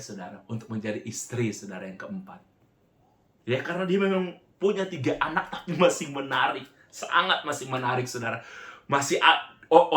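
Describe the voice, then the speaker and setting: A man's voice: mid-range voice, pushed and bright, roomy sound. A man preaching a sermon, telling a story with feeling and often breaking off and restarting his words. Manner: emotional, keeps addressing listeners as "saudara".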